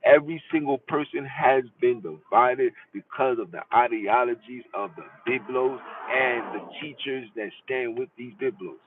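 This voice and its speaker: A man's voice: mid-range voice, normal speed, few pauses. Emphatic man on a tinny phone line. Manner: emphatic, repetitive, preachy. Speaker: podcast host. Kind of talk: impassioned livestream monologue. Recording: distant tinny phone-like audio with faint noise.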